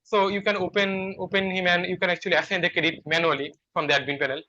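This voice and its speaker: A man explaining software features on a video call, halting, with many fillers and restarts. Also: high-pitched, flat delivery. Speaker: software developer. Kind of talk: video call work meeting. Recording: dull lo-fi call audio.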